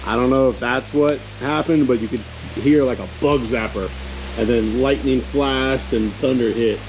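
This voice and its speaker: A man's voice: medium pitch, moderate pace, background noise. A man narrating casual hands-on work in a wry, tongue-in-cheek way, speaking during a thunderstorm. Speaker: host of a DIY motorcycle garage video. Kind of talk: casual how-to narration while working. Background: rain and thunder of a storm.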